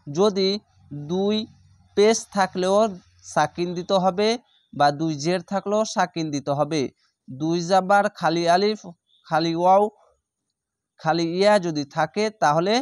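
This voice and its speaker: Slow, careful man teaching Quran reading. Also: high voice, no echo, studio quality. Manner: spells out letters and vowel marks syllable by syllable, drawing out sounds. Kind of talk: slow spelled-out recitation lesson.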